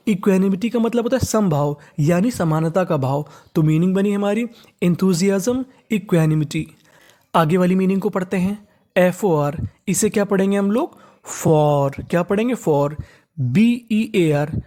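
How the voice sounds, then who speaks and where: Teacher from India, reading-lesson drill: spells words letter by letter, repeats each one slowly, asks and answers their own questions, middle pitch. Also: a little mellow. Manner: repeats each new word slowly several times.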